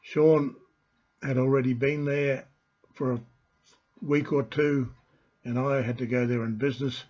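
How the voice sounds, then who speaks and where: An older man with a husky, slightly rough voice speaks as a storyteller and host. He gives an informal talk to viewers in deliberate, halting phrases. The sound is a little dull and lo-fi. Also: medium pitch, level tone, darkish tone. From Australia. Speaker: host, family historian and storyteller.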